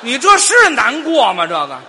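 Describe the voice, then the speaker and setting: A man playing the straight man in crosstalk comedy, firing back quick, indignant retorts and dry interjections. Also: extremely high pitch, wildly swooping pitch, sharp tone, slight background noise. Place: theater stage.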